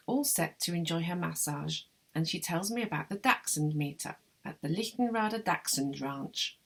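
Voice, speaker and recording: Woman reading literary fiction aloud, low voice, gravelly fry, husky edge, measured wry narration. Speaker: literary translator reading her translation. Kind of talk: literary reading of a novel excerpt.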